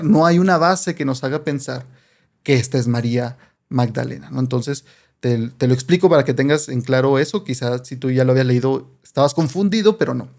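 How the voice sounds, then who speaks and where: A man with a Mexican accent explaining a Bible passage in a relaxed, conversational way, often tagging his sentences with rhetorical questions. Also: mid-range voice. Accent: Mexican Spanish. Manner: chatty, asks rhetorical questions, frequent "¿no?". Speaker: Bible teacher.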